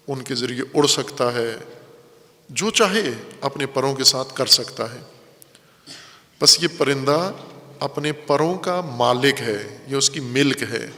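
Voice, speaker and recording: Bright-voiced man teaching in a reverberant hall. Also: mid-range voice. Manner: measured, explanatory, repeats words for emphasis. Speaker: Quran commentary teacher. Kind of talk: religious lecture.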